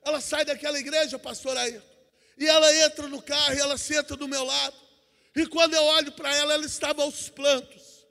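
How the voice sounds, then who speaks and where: A man preaching a testimony sermon in a church, moving between hushed storytelling and shouted preaching. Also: very high voice, level tone, fairly quick, creaky. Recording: church hall reverb.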